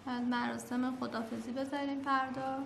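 A woman's voice: high-pitched, little pitch movement, creaky. A woman filmmaker pressing hard with question after question in a tense negotiation. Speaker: documentary filmmaker. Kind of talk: tense negotiation in casual talk. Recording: echoey room with background noise.

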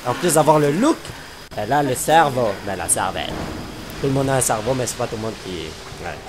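A man's voice: mid-range voice, expressive, a little fast, noisy background. A man with a Québécois French accent giving let's-play commentary, exclaiming, joking and humming to himself as he plays. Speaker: gamer commentator.

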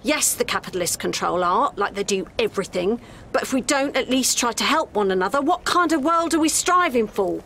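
An actress playing a dry, sarcastic artist in a comedy radio drama. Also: female voice, fairly high pitch, animated, fairly quick, fairly bright tone, slight background noise. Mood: indignant.

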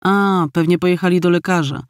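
A man reading an audiobook, voicing young red-haired twin sisters who talk calmly and cheekily. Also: high voice, brisk, clean tone, no room sound, studio quality, pitched above the performer's own voice, natural voice. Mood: cheeky.

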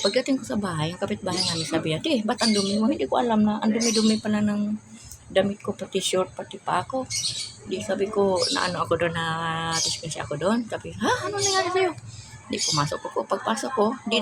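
A woman's voice: mid-range voice, quick pace, very noisy. Older woman telling a story. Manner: rambling personal storytelling, searching for words. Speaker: vlogger. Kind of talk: casual chat.

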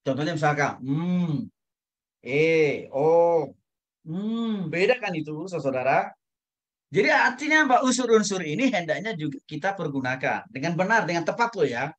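Man, pastor, teaching a Bible class, animated lecture, loud emphatic highs, soft low asides, frequent tag words. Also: fairly quick. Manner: animated, often tags phrases with "ya" and "saudara".

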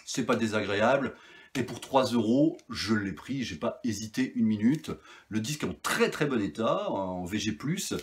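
Brief: male record collector, lowish voice, chatty, meandering, lots of hesitations. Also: animated, normal speed, a little hiss or hum. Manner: chatty, rambling, many fillers and restarts. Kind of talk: casual vinyl haul review.

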